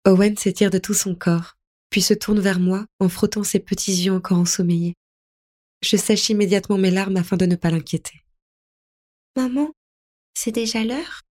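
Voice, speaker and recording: A woman narrating a first-person audiobook in a soft, tender, melancholy way. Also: medium pitch, flat delivery, normal speed.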